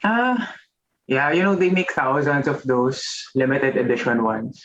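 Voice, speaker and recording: A man's voice: medium pitch, animated, measured pace, a bit bright. A man performing an improvised comedy scene on stage in conversational dialogue. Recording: muffled, slightly noisy stage recording.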